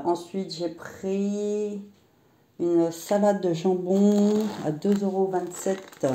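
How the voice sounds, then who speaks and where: A woman's voice: lowish voice, mellow. A middle-aged woman chatting casually through a grocery haul vlog at home, rambling with frequent hesitations. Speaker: vlogger. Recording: roomy echo.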